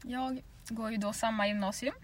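A woman's voice: fairly high pitch, steady tone, far from the mic, slight background noise. Giggly teenage Swedish woman podcaster. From Sweden. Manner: giggly, chatty, rambling. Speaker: podcast co-host. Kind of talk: casual chat.

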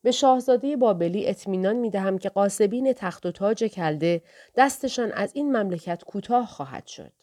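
A woman's voice: medium pitch, lively intonation, warm tone, close to an everyday voice. A woman voicing a loyal male army commander who speaks formally and respectfully in an audiobook. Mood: assured.

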